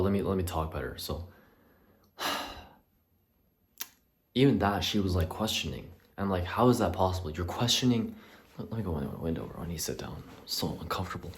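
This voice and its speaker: A young man rambling through a personal vlog rant, swearing freely and sometimes dropping into a whisper, recorded in a small bathroom. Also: deep voice. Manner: profane, rambling, restarts, drops to a whisper at times. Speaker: vlogger. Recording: echoey small room with faint ambience.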